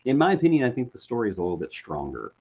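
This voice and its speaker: Man, husky voice, lively pitch, joking co-host, dull lo-fi sound. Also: racing. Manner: joking, rambling. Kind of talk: casual chat. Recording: dull lo-fi audio.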